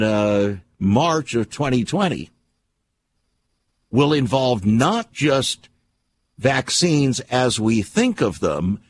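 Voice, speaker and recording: A man hosting a talk program, delivering an emphatic, alarmist and conspiratorial opinion monologue in a deliberate way, with rhetorical questions and repetition. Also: medium pitch, no echo. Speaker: radio program host.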